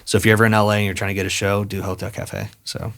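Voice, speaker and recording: A young man with a lowish voice talks quickly as a podcast guest. He rambles through stories in loose casual chat, restarting sentences and dropping in fillers as he goes. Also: level tone, gravelly, a crowd in the background.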